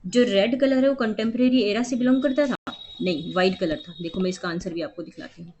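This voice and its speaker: Woman, exam-prep English teacher, step-by-step explanations, mixed Hindi and English, medium pitch. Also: quick pace, darkish tone.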